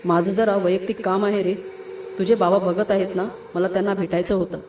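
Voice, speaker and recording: A woman's voice: mid-range voice, little pitch movement, fairly quick, mellow, slight background noise, natural voice. A woman voicing an anxious, polite young man who speaks hesitantly and respectfully. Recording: roomy, distant, music behind.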